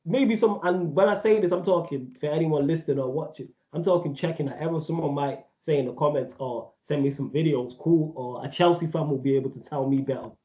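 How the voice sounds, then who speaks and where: A man in his thirties co-hosts a podcast, debating football casually in a warm voice on the high side. He talks briskly with few pauses, rambling and emphatic, peppering it with slang. The audio is echoey and dull.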